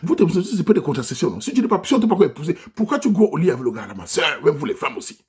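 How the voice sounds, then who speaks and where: A man with a Cameroonian French accent delivers a heated vlog rant, urging his listeners directly. His voice is rough and husky, sitting a little high, and his pitch swings widely as he lectures. He talks fast and preaches without letting up. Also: sing-song. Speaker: vlogger addressing his diaspora audience. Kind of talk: impassioned monologue rant.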